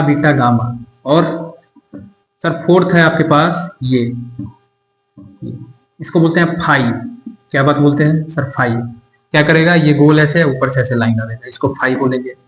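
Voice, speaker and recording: A man's voice: fairly high pitch, fairly bright tone, reverberant, low-quality recording. A young man teaching a casual lecture, acting out both sides of a teasing back-and-forth with his students. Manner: acts out student and teacher dialogue, informal and teasing.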